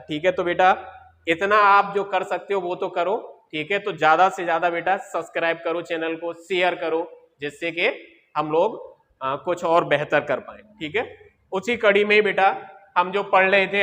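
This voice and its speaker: A man's voice: on the high side, sharp tone. A man teaching Hindi grammar in a lecture, fatherly and coaxing, addressing students as children and using homely everyday examples. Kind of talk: classroom lecture. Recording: reverberant room.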